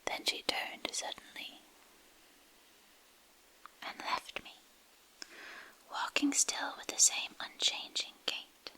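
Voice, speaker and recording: A woman reads a literary fantasy story as ASMR in a breathy, intimate whisper, hushed and pausing between short phrases, close to a binaural microphone. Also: poor audio. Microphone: close binaural microphone, ear to ear.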